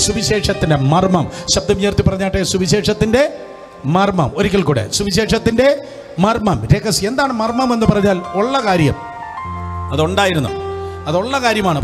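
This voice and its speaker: A man with a Malayalam accent preaching a Bible study sermon, leading the congregation to repeat phrases back and exclaiming hallelujah and praise often. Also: sits high. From India. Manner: repetitive call-and-response, leads congregation in repeating phrases. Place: hot room with lights and fans.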